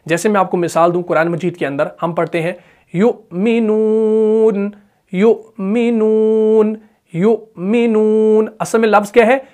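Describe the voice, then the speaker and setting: A man with a Pakistani Urdu accent teaching Quran recitation. He asks questions and answers them himself, and stretches out the example words slowly. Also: high-pitched, little pitch movement, a little mellow. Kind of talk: tajweed lesson.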